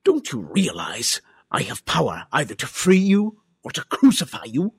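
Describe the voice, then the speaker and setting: A man acts out an anxious Roman governor in an audio scripture drama. His delivery is high, emphatic and widely swinging, with a crowd audible behind him. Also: big pitch swings, normal speed, a bit bright, full character voice. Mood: demanding.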